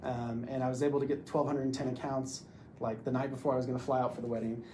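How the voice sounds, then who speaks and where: A man talks quickly as a guest on a podcast, piling filler words into his sentences as he tells his own story. His voice sits at an ordinary middle pitch for a man, and the telling is casual and loose. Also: flat delivery, mellow, a little hiss or hum. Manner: rambling, lots of filler words. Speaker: podcast guest, door-to-door salesman.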